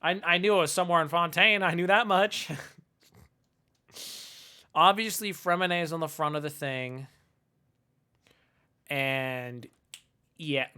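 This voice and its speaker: A man's voice: on the high side, a little slow, long pauses, pushed and bright, clear, resonant tone. A man streaming a game, chatting casually in a rambling, self-mocking way. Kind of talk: casual gameplay commentary.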